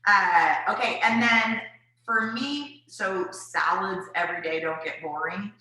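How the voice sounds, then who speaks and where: A woman's voice: medium pitch, a little slow, pushed and bright. A woman giving casual cooking tips to viewers, chatty and rambling with lots of fillers. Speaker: wellness presenter. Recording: very echoey room.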